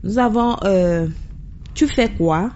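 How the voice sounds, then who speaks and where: Woman, radio host, language lesson, slow careful speech, repeats words back, dull lo-fi sound. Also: mid-range voice, a little mellow.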